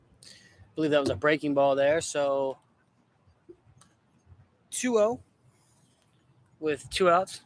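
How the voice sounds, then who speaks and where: A young man calling amateur baseball play-by-play in a relaxed, chatty way, often correcting himself. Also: fairly high pitch, slow pace, pauses often. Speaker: play-by-play announcer.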